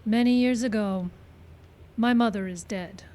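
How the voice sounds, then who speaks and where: Here the same role is taken in a mellow, natural mid-range voice, a little slow: the proud, solemn, middle-aged Pawnee daughter of an old man, in an old-time radio western staged live in a park. She speaks formally and simply, with a solemn, dignified air.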